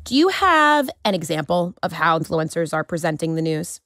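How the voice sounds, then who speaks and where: A woman's voice: fairly low pitch, big pitch swings, normal speed, fairly bright tone, no room sound, studio quality. A woman hosting an interview and narrating the report, asking questions in a conversational way. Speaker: host and narrator.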